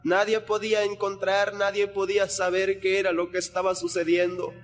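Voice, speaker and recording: High-pitched guy telling his testimony, earnest, big echoey hall. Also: completely flat delivery, moderate pace. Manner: earnest, retelling with repeated phrases. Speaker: person giving a testimony. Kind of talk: spoken religious testimony. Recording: long hall reverb with faint music.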